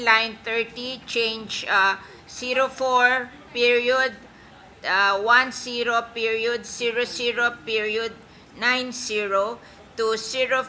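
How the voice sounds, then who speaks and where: A woman senator with a Filipino accent, formally and deliberately reading out amendments to a bill item by item in a legislative session. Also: fairly high pitch, sharp tone. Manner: deliberate, itemized, procedural. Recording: noticeable background noise, session hall ambience.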